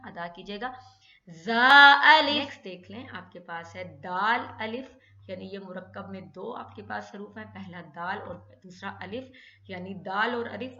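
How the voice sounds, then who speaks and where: A woman gives a tajweed lesson in a bright, forceful voice. She asks herself questions, answers them, then recites each letter pair long and drawn out. The recording is dull and echoes around the room. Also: mid-range voice. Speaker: Quran recitation teacher. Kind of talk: tajweed lesson in Hindi-Urdu.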